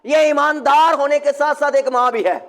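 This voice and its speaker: A man preaching a sermon as pastor, quizzing his congregation and having them call the answers back, at times breaking into shouts. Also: very high voice, fairly even intonation. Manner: bursts into shouting.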